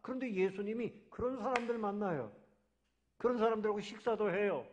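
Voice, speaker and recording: A man preaching a sermon as pastor, swinging between loud emphatic swells and soft low drops, sometimes acting out voices in his story. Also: lively intonation, fairly quick, slight background noise. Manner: acts out dialogue voices of the sons and father.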